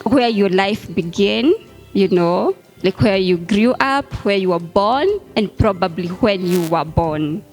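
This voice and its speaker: A Kenyan woman hosting an interview show, speaking slowly and gently with frequent encouraging affirmations. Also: medium pitch, expressive, soft background music. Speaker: host.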